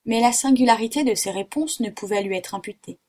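A woman narrating a classic adventure novel in a steady, even reading. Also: a little high, a little fast. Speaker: audiobook reader. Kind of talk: storybook narration.

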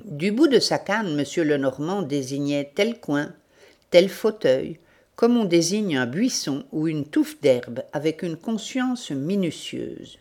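A woman reads a novel aloud in a low voice, setting a slow and even pace. Her narration is measured and steady throughout.

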